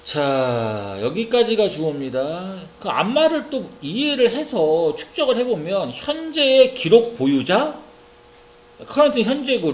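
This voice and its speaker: A man's voice: fairly high pitch, slight background noise. A man teaching an English reading lesson in a classroom, reading English words with a Korean accent and checking in with his students often. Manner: lively, keeps checking in with tag questions. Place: academy classroom.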